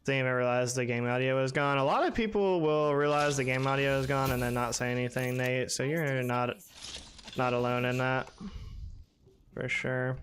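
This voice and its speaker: A man's voice: mid-range voice, fairly even intonation, normal speed, a bit bright, slight background noise. A young man streaming a game live, chatting casually and rambling with lots of fillers while answering his chat.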